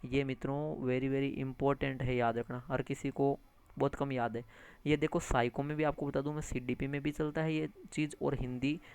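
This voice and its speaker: A man teaching an exam-prep lesson, animated, repeating key terms and addressing listeners as friends, with English words mixed into his speech. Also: medium pitch, normal speed, smooth. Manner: mixes English words into lecture.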